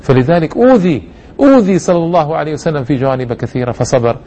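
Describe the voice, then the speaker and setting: A man's voice: on the high side, lively intonation, quick pace, dark tone. A man hosting a religious programme, lecturing listeners in formal Standard Arabic with an earnest, reverent manner. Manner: earnest, reverent, rhetorical questions.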